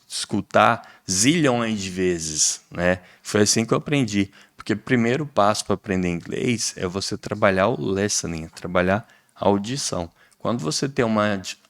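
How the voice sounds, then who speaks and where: A middle-aged man with a Brazilian Portuguese accent, an English teacher guest explaining things in a lively, demonstrative way, often saying "né". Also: fairly low pitch. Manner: lively, demonstrative, repeats "né", acts out pronunciations. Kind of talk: casual explanatory interview talk.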